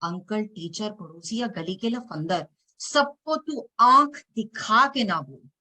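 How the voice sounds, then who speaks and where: Slow-spoken woman reciting spoken word poetry. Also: mid-range voice, animated, poor audio. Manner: dramatic, with big swings between soft and loud lines. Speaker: poet. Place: home, online event. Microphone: video call.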